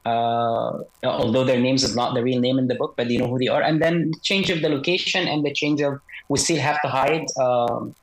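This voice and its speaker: A man with a slightly electronically disguised voice, giving halting, measured interview answers as a guest. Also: mid-range voice, fairly even intonation, poor audio. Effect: slight voice disguise processing. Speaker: interview guest, author and former military unit member.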